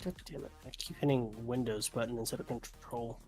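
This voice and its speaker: A man's voice: mid-range voice, steady tone, fairly quick, darkish tone, faint music behind. A man playing a game with friends, joking and grumbling about the controls. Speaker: co-player. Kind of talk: casual game chat.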